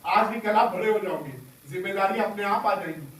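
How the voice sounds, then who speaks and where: A hoarse man leading a school workshop, quizzing pupils with call-and-response questions in a classroom. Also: high voice, a little fast, a bit bright, distant mic. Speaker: workshop trainer. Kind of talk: classroom talk to students. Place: large echoing school classroom. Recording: echoey classroom taped from afar, student chatter. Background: students murmuring.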